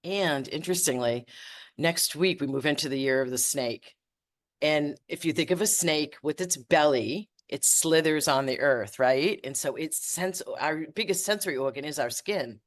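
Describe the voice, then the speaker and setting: A woman who teaches energy medicine speaks as a podcast guest, passionate and emphatic, exaggerating for effect and stumbling over her words when she gets worked up. Her voice sits low, at a normal speed.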